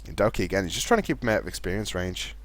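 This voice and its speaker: A man casting a live video game match, fast play-by-play with a fairly steady delivery. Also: low-pitched. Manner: fast, chatty play-by-play talking to co-caster; calls his own voice monotone. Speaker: esports caster.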